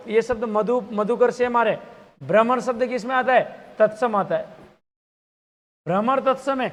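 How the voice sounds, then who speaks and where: Very high-voiced male teacher. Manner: quizzing, repeats answer options aloud. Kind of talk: exam-prep grammar lesson. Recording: long hall reverb.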